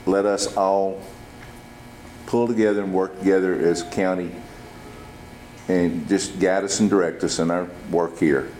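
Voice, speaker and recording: A man offers a public prayer in a very deep voice. He speaks as a local official at a meeting. The room echoes strongly, with a faint noise behind him. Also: level tone, a little slow, long pauses, darkish tone. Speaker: county commissioner giving an invocation. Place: indoor county meeting room.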